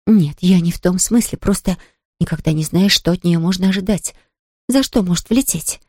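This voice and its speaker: Woman voicing a flustered young maid, kind but fussing, slightly low voice, dry sound. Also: moderate pace, darkish tone, no room sound. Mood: anxious. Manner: fussing, anxious, exclaiming. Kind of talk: audiobook character reading.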